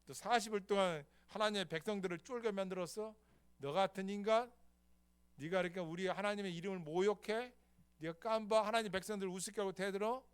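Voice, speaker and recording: A man's voice: high-pitched, fairly even intonation, fairly quick, smooth, voice pushed up, close to an everyday voice. A man voicing a young shepherd hero who boldly challenges a giant in a raised, defiant voice. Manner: bold, challenging.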